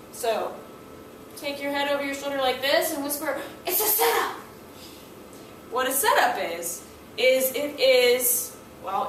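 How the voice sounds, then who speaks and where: A woman teaching a language class, her voice somewhat high and full of life as she acts out little exchanges between teacher and students. She is recorded from a distance in an echoey room. A faint hum of room noise sits behind her. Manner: animated, acts out student and teacher lines in quotes. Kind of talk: classroom instruction.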